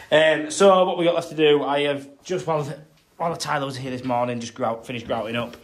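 A man's voice: on the high side, fairly even intonation, fast. A British man working as a plumber, chatting casually to camera as he finishes a bathroom job, a bit out of breath, rambling and poking fun at himself. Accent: British English. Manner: chatty, rambling, self-deprecating. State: slightly out of breath. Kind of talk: casual work vlog, talking to camera. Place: bathroom being renovated, indoors.

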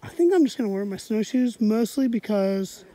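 A woman's voice: fairly high pitch, expressive, normal speed, mellow. A woman hosting a casual hiking vlog outdoors at a snowy winter campsite, chatty and upbeat. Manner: upbeat, chatty, laughs easily. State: a little out of breath at times. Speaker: vlogger, host of the hiking channel.

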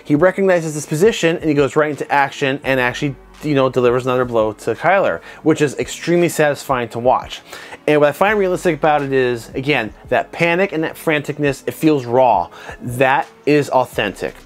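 Man, 30s, martial arts instructor, animated analytical commentary, lapel mic, home studio, faint background music. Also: medium pitch, a little fast. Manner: animated, conversational, self-described nitpicker. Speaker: martial arts instructor reviewing fight scenes. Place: home studio room with desk lamp and monitors. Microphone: clip-on lapel mic.

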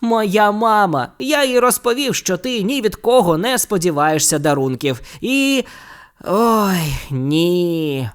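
The audiobook reader voices an excitable boy wizard, speaking in high, eager exclamations. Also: moderate pace, hardly any pauses, lightly acted. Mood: excited. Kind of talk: audiobook character reading.

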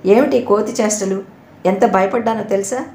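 A woman reading the part of a spirited, quick-tempered young woman in an audio novel, scolding sharply, in an echoey room. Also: medium pitch, mellow, close to an everyday voice.

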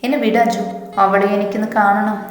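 A woman's voice: medium pitch, level tone, brisk, lightly acted. A woman voicing a hot-tempered young male college student who speaks fiercely, with an echoey recording and music behind. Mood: intense. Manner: fierce, determined. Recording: echoey reverberant hall with music.

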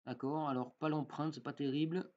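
A man walking through a software tutorial in a casual way, with many fillers and frequent "d'accord?" check-ins. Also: a little high, steady tone, a little fast, dull audio. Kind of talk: screen-recorded software tutorial.

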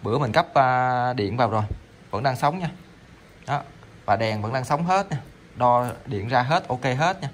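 A man's voice: mid-range voice, lively intonation, normal speed. Man, medium voice, casual seller, rambling, stammers and restarts often, light noise behind. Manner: rambling, stammering, lots of fillers. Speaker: online seller of salvage electronics. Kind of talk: casual sales talk while demonstrating parts.

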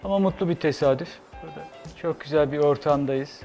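A man in his sixties, a cafe owner guest, speaking in a measured, hesitant way with many pauses. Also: on the high side, mellow, faint music behind. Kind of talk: studio interview. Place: TV studio kitchen set.

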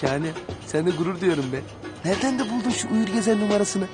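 A man's voice: high voice, animated, fast talker, music in the background. A young man playing a giddy, cheeky boyfriend in a television sitcom, gushing and exclamatory. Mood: giddy admiration. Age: young adult.

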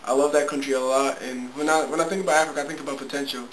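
A young Ghanaian student sits close to his webcam in a small bedroom, speaking earnestly and reflectively as an interviewee and often repeating himself. His medium-pitched voice races along with fairly even intonation, captured in a low-quality recording with slight background noise.

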